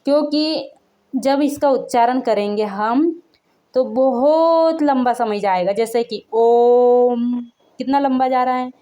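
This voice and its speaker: A woman with a high, warm voice gives a casual, classroom-style Hindi grammar lesson at a measured pace. After each point she says "theek hai na" and asks the viewer questions to make sure they're following. She also draws out sounds to show how long they are.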